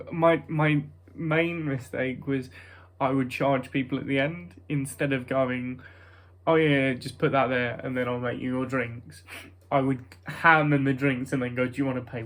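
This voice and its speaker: A young man with a British accent talks in a nasal voice at a middling pitch. He rambles in a casual vlog style, self-conscious and hesitant, often dropping a thought halfway and starting on another. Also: steady tone, moderate pace, a bit bright. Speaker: vlogger.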